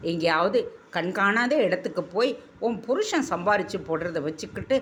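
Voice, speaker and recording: A woman's voice: medium pitch, animated, normal speed, a bit bright, slight background noise, lightly acted. A woman voicing a grieving elderly grandmother who is locked away, speaking in a tearful, pleading, affectionate way.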